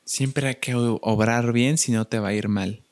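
A male podcast host with a middling pitch who answers his guest with short prompts and musing, reflective comments. He keeps the chat loose and conversational. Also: fairly even intonation, moderate pace, a little mellow. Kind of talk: casual podcast interview.

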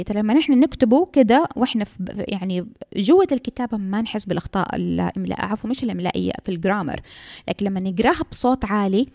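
Young woman, graduate student, frank advice, quick delivery, dark mellow voice. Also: mid-range voice, vocal fry, no echo, clean studio sound. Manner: lively, frank, mixes English terms into speech. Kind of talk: casual advice talk.

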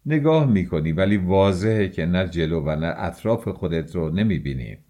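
A male audiobook reader voicing a sly, worldly middle-aged man who speaks in a calm, insinuating, lecturing way. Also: deep voice.

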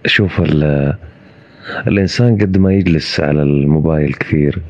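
A man talks on a muffled call-in line. He is polite and hesitant, often pausing to find the next word. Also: rumbling low, darkish tone. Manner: hesitant, polite, searching for words. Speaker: guest calling into a live stream. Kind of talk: casual conversation. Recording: muffled live-stream call audio.

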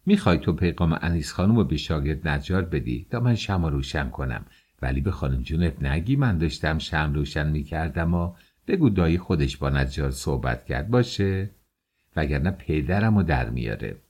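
A man voicing an old nanny woman who is lazy, fussy and pleading, with a husky voice. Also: rumbling low, lively intonation, darkish tone, full character voice. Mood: wheedling. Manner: pleading, chatty.

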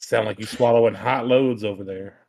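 A man's voice: on the low side, fairly even intonation, normal speed, vocal fry, darkish tone, no echo, clean studio sound. A man co-hosting a casual wrestling podcast, making crude mocking jokes. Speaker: podcast co-host.

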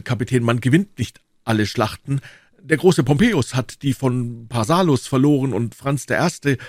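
A man voicing a hearty, boastful musketeer in an audiobook, telling an excited, rapid account. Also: mid-range voice, no echo, clean studio sound, pitched above the performer's own voice, close to an everyday voice.

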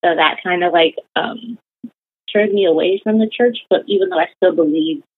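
A young woman whose voice is on the low side and slightly rough talks at normal speed, with no echo, over a tinny phone-like line. She's a rambling interview guest telling casual stories, full of "like" and "you know."

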